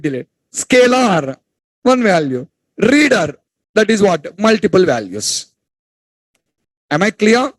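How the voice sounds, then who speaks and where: A man teaching a class, repeating points, quizzing students and scolding them to speak louder. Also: sits high, no echo, rough recording. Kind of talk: classroom lecture.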